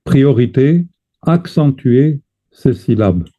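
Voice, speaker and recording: A man teaching a chant lesson, explaining slowly and carefully and breaking off to sing short chant phrases. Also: mid-range voice, expressive, dark tone. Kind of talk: teaching lesson with sung examples. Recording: tinny phone-like sound.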